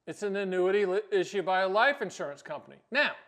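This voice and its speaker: A man's voice: high voice, lively intonation, fast, fairly bright tone. A man hosting his own channel as an annuity agent, explaining casually in a brash, joking, self-promoting way. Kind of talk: casual talking-head explainer.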